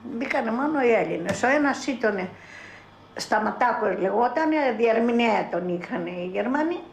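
An older woman from Greece giving spoken testimony as a mother in a documentary, telling her story in halting, broken-off phrases. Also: a little high, animated, a little hiss or hum. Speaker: mother recounting her son's arrest. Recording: roomy archival 1982 film sound.

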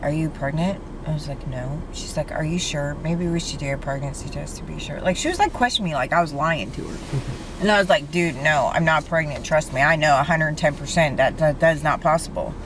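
A young woman chatting casually in a parked car, animated and swearing freely, picked up by a dashboard camera. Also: deep voice, brisk. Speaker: friend. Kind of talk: casual chat. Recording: noisy car interior.

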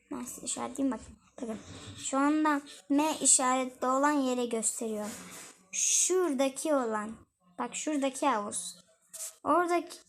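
A young girl with a high, light voice chats casually to her viewers while she plays a game. She talks in a giggly, rambling way, straight to the audience. A faint hiss of noise sits under her voice. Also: low-quality recording. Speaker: gaming vlogger.

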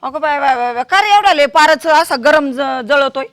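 A woman's voice: sits high, animated, normal speed, a bit bright. A woman playing an older exasperated village mother who scolds and wails in a comedy sketch. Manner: scolding, wailing exclamations.

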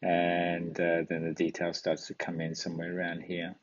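A man hosting a photography channel, walking through his photo edits on screen in a relaxed, thinking-aloud way, with plenty of fillers. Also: sits low, moderate pace. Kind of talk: casual screen-share walkthrough. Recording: dull lo-fi recording.

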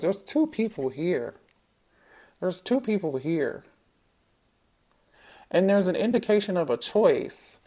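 Low-voiced woman reading tarot aloud. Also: mellow, a little hiss or hum. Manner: thinks aloud, talks to the cards, repeats herself. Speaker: tarot reader. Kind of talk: casual tarot reading to viewers.

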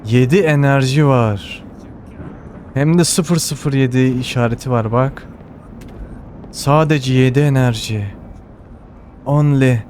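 Excitable Turkish man narrating gameplay. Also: medium pitch, slow pace, pauses often, a little hiss or hum. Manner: excited, exclaiming, repeats words. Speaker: gamer. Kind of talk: live game commentary.

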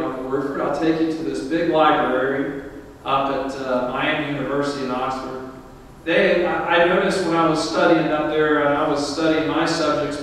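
A man's voice: fairly high pitch, fairly bright tone, a little hiss or hum. A male pastor delivering an emphatic sermon in a church, his voice climbing on the key points. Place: church sanctuary. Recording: echoey church hall, mic far off.

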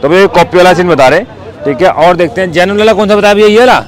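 A man with a high, steady voice talks very fast as he vlogs on foot through an outdoor market, cheerfully asking sellers about prices. He keeps repeating "bhai" and "theek hai." The recording is low-quality, backed by crowd chatter and traffic.

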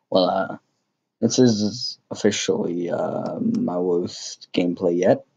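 A man's voice: sits low, drawn-out words, creaky, a little mellow, slightly rough, highs cut off. A young man giving casual, joking gameplay commentary, rambling with many fillers and mocking himself. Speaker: gaming YouTuber.

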